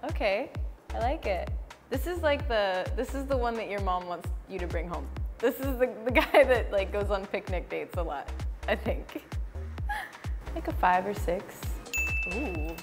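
A woman in her twenties from the United States, chatting casually on a dating show and laughing often. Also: medium pitch. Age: 20s. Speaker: blind-date contestant. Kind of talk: casual chat. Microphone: lapel mic.

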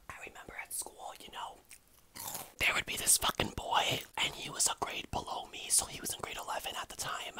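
A man's voice: lowish voice, bright, forceful tone. A young man in his late teens, a YouTuber from Canada doing comedic ASMR whispering into an earphone headset mic. He is crude and sassy and swears constantly. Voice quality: whispery with a gravelly edge.

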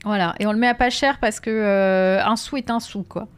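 A woman's voice: mid-range voice, moderate pace, clean tone. A woman chatting during a live gameplay stream, reacting to viewers' messages and sometimes slipping into English with a French accent.

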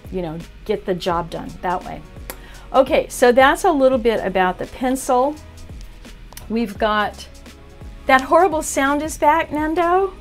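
A woman teaching art on a livestream, chatting casually as she talks viewers through a drawing demo. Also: mid-range voice. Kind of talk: live demo tutorial.

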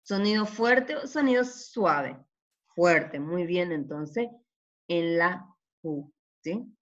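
A woman teaching young children to read, taking her time over every syllable. Her pace is unhurried and patient, and she keeps checking that the children follow. The recording is dull and lo-fi. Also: fairly low pitch. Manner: slow and deliberate, often checking with "¿sí?"; sounds out syllables carefully. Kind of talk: children's reading lesson.

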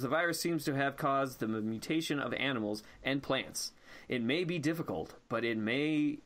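A man's voice: medium pitch, fairly bright tone. Giggly man reading game text. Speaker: let's play host. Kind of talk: casual gameplay commentary.

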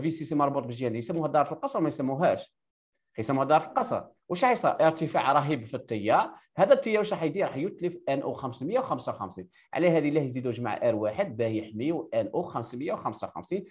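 A man with an Algerian Arabic accent teaches electronics over a video call at a breakneck clip. His voice leaps up and down as he fires one question after another at his student. He confirms each answer before moving on. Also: on the high side. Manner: quizzes the student with rapid-fire questions and confirms her answers. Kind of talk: live online tutoring lesson.

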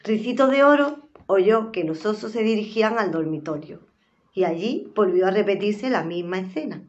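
A woman host reading a children's story aloud, lively and expressive. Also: mid-range voice, normal speed, lo-fi sound, slight background noise.

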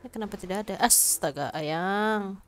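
A woman's voice: mid-range voice, normal speed. A woman streaming a game role-play, brash and teasing, swearing often in casual voice chat.

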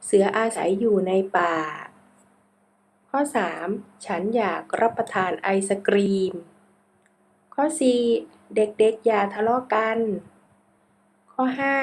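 A woman's voice: mid-range voice, a little mellow. A woman teacher reading out exercise answers item by item, spelling out how each word is pronounced.

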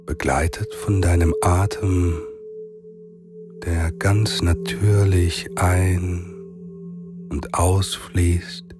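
A man narrating a guided sleep meditation like a soothing sleep-story narrator, with long pauses between phrases. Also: low voice, steady tone. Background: meditative singing bowl music.

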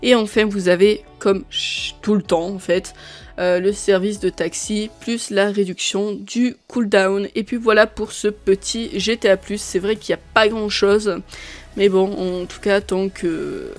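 A woman's voice: mid-range voice, steady tone, unhurried, faint music behind. A woman presenting a casual gaming news rundown, listing items in a chatty way with frequent fillers. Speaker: gaming video creator.

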